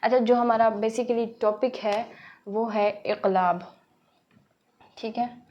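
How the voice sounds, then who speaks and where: A woman's voice: on the high side, steady tone, slow, a little mellow, dull audio. Patient woman teaching Quran reading. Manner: patient, repeats key points, asks and answers own questions. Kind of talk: recorded tajweed lecture.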